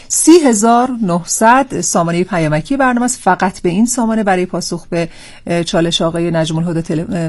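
A woman hosting a live call-in show in a friendly, chatty way, reading out listener texts. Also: fairly low pitch. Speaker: radio show host.

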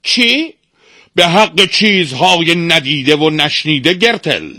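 A man voicing a fussy, flustered middle-aged master who asks raised, drawn-out astonished questions. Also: high-pitched, fairly bright tone, dry recording, clean studio sound, voice pushed up.

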